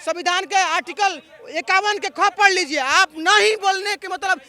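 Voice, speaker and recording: High, bright, sharp-edged male voice, heated rhetorical talk, city street interview. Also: normal speed. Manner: fiery, rhetorical, chant-like slogans. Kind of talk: heated political vox pop.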